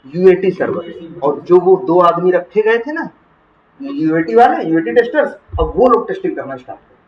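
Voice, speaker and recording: A man teaching software testing in to a class, asking questions and answering them himself. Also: high-pitched, lively intonation, normal speed, a little hiss or hum. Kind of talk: classroom lecture. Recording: roomy, distant, muffled classroom recording.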